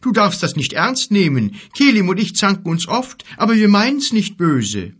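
A man doing a loud, combative giant. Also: high-pitched, very animated, normal speed, slightly rough, voice pushed up, full character voice. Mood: gruff, combative. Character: quarrelsome male giant, blunt and gruff.

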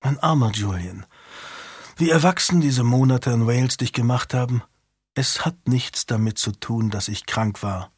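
A man reading an audiobook voices a grieving older noble widow, speaking quietly and sadly. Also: medium pitch, moderate pace, breathy edge, dry recording, clean studio sound, close to an everyday voice. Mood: tender.

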